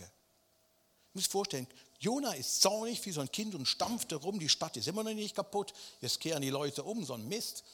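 A man's voice: mid-range voice, bright, forceful tone, slightly rough. A man preaching a sermon, speaking emphatically and turning often to address his listeners directly. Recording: long hall reverb.

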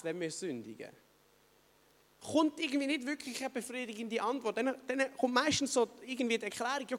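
A man with a Swiss German accent preaching a sermon, earnest and building to emphatic rhetorical questions. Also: very high voice. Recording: long hall reverb.

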